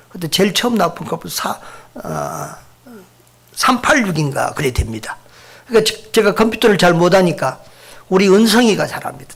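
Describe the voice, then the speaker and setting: A man's voice: a little high, vocal fry, slightly rough. A middle-aged man preaching a sermon as pastor, speaking conversationally and putting questions to the congregation. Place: church sanctuary.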